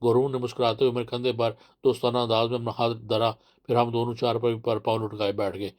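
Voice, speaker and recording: A man narrating a horror novel in a steady, measured reading voice. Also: medium pitch.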